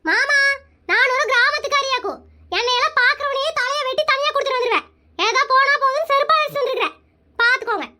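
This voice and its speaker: A feisty village wife in a cartoon, ready to fight anyone who crosses her, played by a performer. Her voice sits very high and fast, with a bright, cutting edge. She fires back defiant retorts without pause. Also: full character voice. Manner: defiant, quick comebacks. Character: feisty village wife, bold and sharp-tongued. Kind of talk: animated comedy cartoon voicing.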